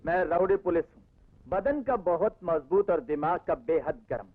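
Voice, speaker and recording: Hot-tempered tough cop, high-pitched, mocking and bossy, dubbed film sound. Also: male voice, expressive, moderate pace. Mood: commanding. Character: brash tough police inspector, hot-tempered. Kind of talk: Hindi film dubbing. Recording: muffled dubbed film audio with music.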